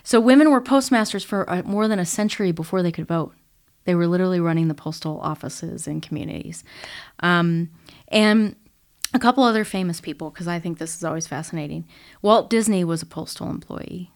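A woman's voice: on the low side, a little fast. A middle-aged woman guest in a podcast interview, answering eagerly and sharing historical facts with many fillers. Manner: enthusiastic, fact-filled, uses fillers. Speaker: guest, postal service governor.

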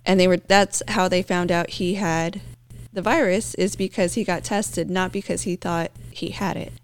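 A woman's voice: on the low side, moderate pace. Sarcastic woman co-host in a political chat. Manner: sarcastic, animated.

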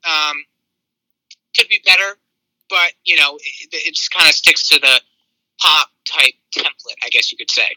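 A man's voice: fairly high pitch, unhurried, long pauses, sharp tone, dry recording, rough recording. A man heard over a phone speaker, giving his take on a song as a guest on a call. He talks casually and hesitantly, with many fillers and repeats. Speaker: guest music reviewer on a call. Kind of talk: casual chat.

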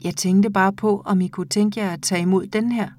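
A woman reading the hushed, hesitant lines of a shy, apologetic bearded man in a story. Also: high-pitched, fairly even intonation, close to an everyday voice.

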